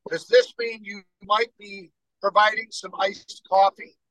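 A man's voice: high-pitched, little pitch movement, unhurried, a bit bright, no echo, poor audio. A middle-aged man co-hosting a casual podcast, playful and joking, often stumbling into restarts. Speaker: podcast co-host. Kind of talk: casual chat.

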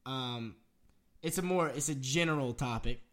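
A man's voice: medium pitch, normal speed, fairly bright tone. A young man co-hosting a podcast, speaking hesitantly with many restarts. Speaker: podcast co-host. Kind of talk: casual chat.

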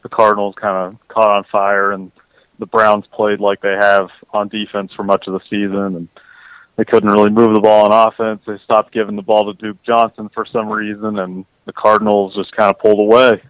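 A man from Ohio co-hosting a casual sports podcast, giving measured analysis. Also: fairly low pitch, flat delivery, fairly bright tone, clear, resonant tone, no echo, low-quality recording. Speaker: podcast co-host.

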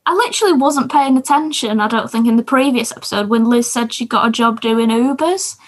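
A woman with a slightly high voice talks fairly quickly as she co-hosts a podcast. She chats eagerly about TV shows, filling her speech with lots of fillers.

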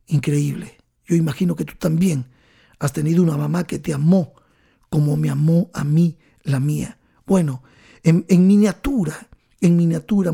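A male preacher giving an emotional sermon, telling stories and slowing down for emphasis. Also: fairly high pitch, creaky, dark tone, breathy edge. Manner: emotional storytelling, slows for emphasis.

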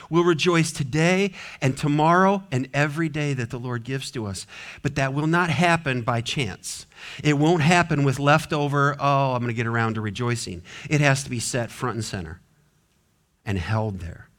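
A man's voice: on the high side, moderate pace, a bit bright. A man preaching a sermon as pastor, emphatic, his voice rising and dropping sharply. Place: church sanctuary.

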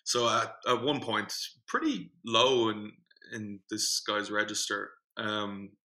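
A young man telling a story in a casual podcast chat, rambling and animated, with many fillers and restarts. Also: lowish voice, takes it slowly, rough recording. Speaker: podcast co-host, singing group organiser.

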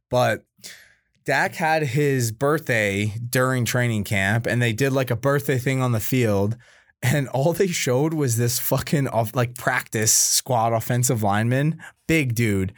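A young man co-hosting a casual podcast, telling lively sports stories with plenty of swearing. His voice sits at an ordinary middle pitch and sounds close and dry, with no room echo. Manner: animated storytelling, frequent profanity. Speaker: podcast co-host. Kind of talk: casual chat.

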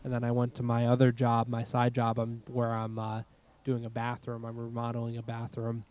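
A man's voice: mid-range voice, monotone, moderate pace, a little mellow. A man with a Massachusetts accent co-hosting a casual podcast, swearing freely and laughing often. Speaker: podcast co-host. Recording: remote recording without proper mics.

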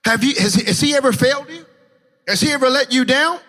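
A man preaching a sermon in a church, passionately shouting in a sing-song preaching cadence. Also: very high voice, expressive, brisk, in a large hall. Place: church sanctuary.

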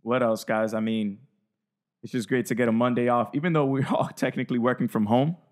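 A man co-hosting a casual podcast, relaxed and prodding his friends with questions. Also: medium pitch, brisk. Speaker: podcast co-host. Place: shared room, not their usual studio.

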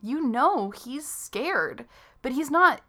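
A woman's voice: high-pitched, animated, takes it slowly, bright, forceful tone. A young woman in her late teens chatting casually and eagerly, laughing often. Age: young adult. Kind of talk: casual podcast chat.

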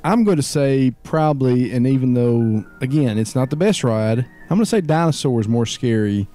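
A man's voice: mid-range voice, expressive, moderate pace, dark tone, faint music behind. A man talking casually on a podcast, rambling and hesitating as he gives his opinion. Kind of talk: casual chat.

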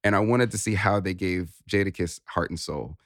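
A man's voice: sits low, moderate pace, no room sound, studio quality. A man co-hosting a casual chat about hip-hop records, thinking aloud with many ums and restarts. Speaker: podcast co-host.

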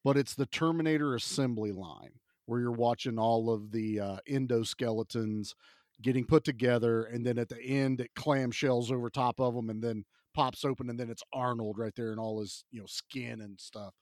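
A man's voice: mid-range voice, fairly even intonation, moderate pace, darkish tone, dry recording, clean studio sound. A man co-hosting a podcast, an enthusiastic and rambling storyteller. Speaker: podcast co-host. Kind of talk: casual chat.

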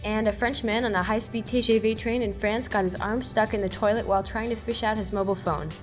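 A woman presenting a weekly news segment, reading scripted odd stories with a brisk, wry delivery. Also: mid-range voice, fairly even intonation. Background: music.

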